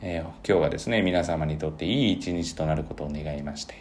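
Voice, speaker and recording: A man who teaches at a cram school, hosting a relaxed solo podcast and musing aloud with many fillers and self-corrections. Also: rumbling low, fast, a little hiss or hum.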